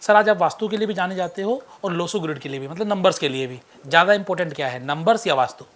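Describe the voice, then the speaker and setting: A man's voice: high-pitched, animated, fast talker, a bit bright. A man hosting a casual podcast interview, asking short questions in a playful way. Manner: playful, laughs often, asks short questions. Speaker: podcast host.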